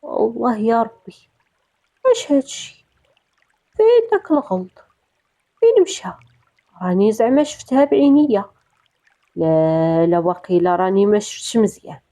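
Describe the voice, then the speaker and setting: A woman storyteller with a Moroccan accent voicing an excitable older mother in a folk tale, exclaiming emotionally and repeating herself. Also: mid-range voice, normal speed, pauses often. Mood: shocked, disbelieving. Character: excitable older mother of the groom, Lalla Mimouna. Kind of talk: acted dialogue in a folk tale.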